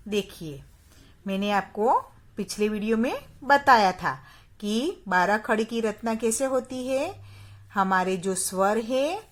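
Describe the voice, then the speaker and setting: A woman's voice: mid-range voice, fairly bright tone. A woman schoolteacher from Gujarat, patiently teaching young children and chanting syllables one by one. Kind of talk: slow Hindi lesson for young children.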